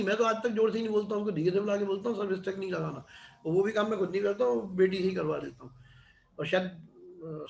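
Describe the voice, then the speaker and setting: A man's voice: high-pitched, vocal fry, a little mellow, roomy sound, slight background noise. A middle-aged man teaching a class in a chatty, conversational way, often checking in with his students. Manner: chatty, keeps adding "है ना". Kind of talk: classroom lecture.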